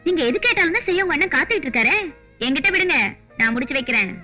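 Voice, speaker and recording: A teasing young sister-in-law. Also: female voice, high-pitched, expressive, rapid-fire, pushed and bright, soft background music. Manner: playful, teasing.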